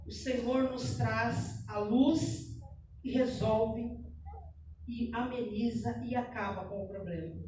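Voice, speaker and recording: A woman's voice: on the high side, darkish tone, slight background noise. A middle-aged woman giving an earnest, exhorting church talk to married couples. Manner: earnest and exhorting, addresses listeners as brothers. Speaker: speaker at a couples' meeting. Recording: echoey hall, voice from far off.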